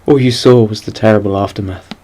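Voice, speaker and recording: A man's voice: on the low side, fairly even intonation, fast talker, soft background music. A man reading a game's text aloud and joking about it in wry asides. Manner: wry, laughs at the dark twists. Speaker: game streamer.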